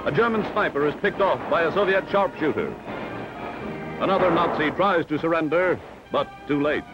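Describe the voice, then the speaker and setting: A man's voice: fairly high pitch, expressive, moderate pace. A man narrating a 1940s newsreel in an old newsreel soundtrack, with a dramatic, emphatic announcer delivery. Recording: dull lo-fi film soundtrack with loud music. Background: loud music.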